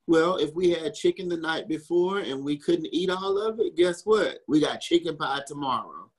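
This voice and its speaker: A man's voice: fairly high pitch, moderate pace, husky, rough recording. A man from the American South, a historical interpreter and chef, answering questions in a chatty way with frequent laughs and wry asides. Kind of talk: casual Q&A answers.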